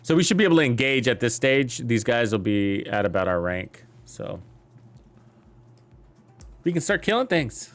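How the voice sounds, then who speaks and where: A man's voice: mid-range voice, big pitch swings, normal speed, long pauses, soft background music. A man giving casual, chatty commentary while playing a shooter game and talking to his viewers. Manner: chatty, upbeat, talks to viewers. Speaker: gameplay streamer.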